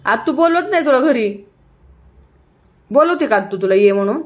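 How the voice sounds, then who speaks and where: A woman's voice: sits high, expressive, moderate pace, reverberant. A young mother at home, talking to her small children in a sing-song, coaxing way and repeating her words. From Maharashtra, India. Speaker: mother and vlog host.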